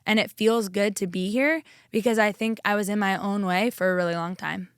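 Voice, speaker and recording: A woman's voice: mid-range voice, fairly even intonation, brisk, clean tone, no room sound, clean studio sound. A young woman chatting casually as a podcast guest, upbeat and full of fillers. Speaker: chiropractor and guest.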